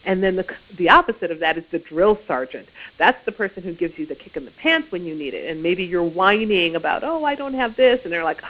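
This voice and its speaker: A woman's voice: lowish voice, a little fast, hardly any pauses. Tinny-sounding woman giving career advice. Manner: conversational, often says "you know", restarts phrases. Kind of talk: informal instructional talk.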